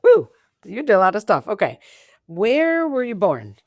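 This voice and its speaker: A woman's voice: medium pitch, wildly swooping pitch, normal speed, a little mellow, no room sound, clean studio sound. A woman hosting an interview podcast, chatting casually with joking asides. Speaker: podcast host.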